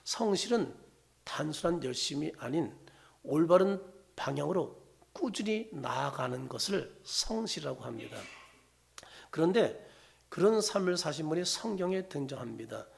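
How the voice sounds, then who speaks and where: A man's voice: a little high, expressive, normal speed, gravelly. A middle-aged man preaching a sermon as pastor. He asks his congregation questions and answers them himself, rising and then dropping to near-whispers.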